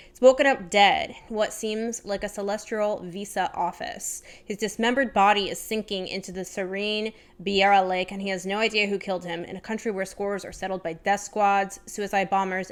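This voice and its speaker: Presenting book recommendations, a woman talks in an informal, chatty vlogger style, thinking aloud somewhat tentatively. Her voice is smooth and crisp, with an average pitch.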